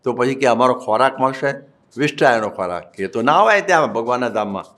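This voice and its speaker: Male monk, Gujarati accent, sermon storyteller, quotes and verses, mid-pitched voice. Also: sing-song, quick pace, a bit bright. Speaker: monk preacher. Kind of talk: Gujarati religious discourse.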